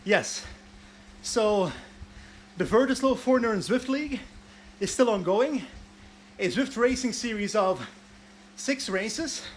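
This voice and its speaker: Chatty man with a high voice. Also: animated, slow, long pauses, a little hiss or hum. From Belgium. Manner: chatty, answers viewer questions from chat, laughs at himself. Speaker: livestream host. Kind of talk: casual livestream chat while riding an indoor bike trainer. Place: warm indoor room with a bike trainer and fan.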